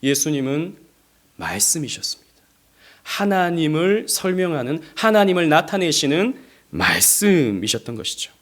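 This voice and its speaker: A middle-aged man from South Korea preaching a Sunday sermon as pastor, speaking gently and then building to emphatic stresses, sometimes acting out quoted lines. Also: a little high, big pitch swings, normal speed. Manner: gentle, rising to emphatic, acts out quoted speech. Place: church sanctuary.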